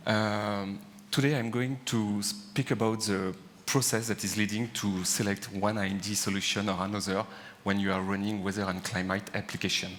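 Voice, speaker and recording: A man with a French accent giving a conference presentation, halting with frequent fillers. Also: on the low side, flat delivery, a bit bright. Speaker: conference speaker, CPU engineer. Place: large conference hall. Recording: reverberant conference hall.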